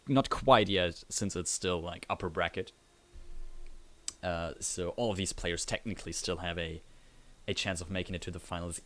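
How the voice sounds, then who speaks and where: A man hosting a live stream, talking through match predictions in a casual, hesitant way with lots of restarts. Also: low-pitched. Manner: hesitant, many fillers and restarts. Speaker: host of esports recap show. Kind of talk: casual esports prediction chat.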